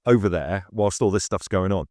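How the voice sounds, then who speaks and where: A man's voice: low-pitched, normal speed, a little mellow, no echo, studio quality. A man in his forties from the United Kingdom hosting a podcast, reading a scripted introduction and then asking friendly questions with small stumbles. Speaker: podcast host. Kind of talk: podcast interview.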